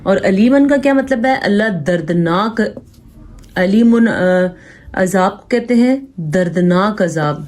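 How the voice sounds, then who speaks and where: A woman with a Pakistani Urdu accent teaching tajweed, explaining rules patiently and reciting verses slowly to demonstrate. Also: mid-range voice, lively intonation, a little mellow, a little hiss or hum. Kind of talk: step-by-step tajweed lesson with slow recitation examples.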